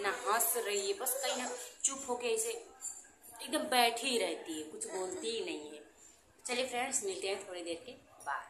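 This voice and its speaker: A woman's voice: fairly high pitch, sharp tone. A young woman talking casually to her viewers in a daily home vlog, showing her rooms on a phone camera. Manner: chatty, talks straight to viewers while showing her home. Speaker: vlogger. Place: emptied rented room at home, echoing. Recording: echoey empty room, noisy phone audio.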